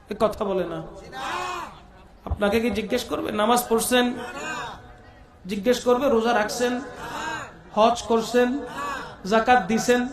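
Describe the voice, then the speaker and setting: A man's voice: very high voice, fairly bright tone. A man preaching a sermon at a religious gathering, calling out to the crowd and chanting Arabic phrases. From West Bengal, India. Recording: echoey public-address sound.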